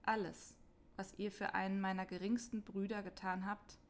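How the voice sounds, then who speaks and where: A woman voicing a calm, mysterious divine voice that speaks quietly, almost in a whisper. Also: mid-range voice, normal speed, lightly acted. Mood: hushed.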